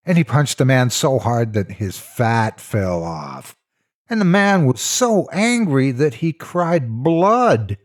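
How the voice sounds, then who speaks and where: A horror story narrator tells a scripted tale with theatrical, mock-serious delivery. His fairly low voice has a husky, rough grain and rises and falls in big, animated sweeps.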